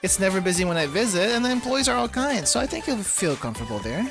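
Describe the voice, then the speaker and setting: A woman acts out a kind teacher from a game story, gentle and reassuring. The delivery is calm, with music playing clearly behind it. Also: mid-range voice, quick pace.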